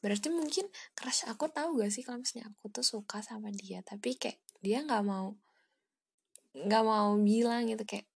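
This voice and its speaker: A seventeen-year-old girl talks on her own podcast, dropping often into a soft half-whisper and trailing off with fillers. Her voice sits a little high, husky and breathy, with a gravelly fry at the ends of phrases. It sounds like a casual chat recorded at home. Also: normal speed, no echo. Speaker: podcast host.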